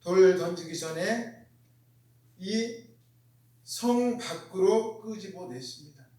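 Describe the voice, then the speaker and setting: High-voiced preaching man, very echoey. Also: slow pace, warm tone. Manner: emphatic, repeats key phrases, asks the congregation questions. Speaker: pastor. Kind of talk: sermon. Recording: very echoey room, mic far off.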